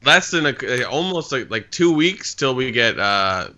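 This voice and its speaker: A man's voice: mid-range voice, big pitch swings, a little slow, sharp tone. A man co-hosting a podcast in casual chat, with a metallic tin-can sound from a bad microphone. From Canada. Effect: metallic tin-can sound from a faulty microphone. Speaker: podcast co-host. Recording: dull, tinny lo-fi microphone.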